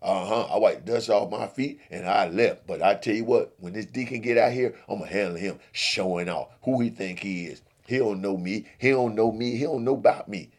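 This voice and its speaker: A man's voice: lowish voice, fairly quick, hardly any pauses. A man voicing a stubborn, hot-tempered grown man who keeps repeating himself defiantly. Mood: heated.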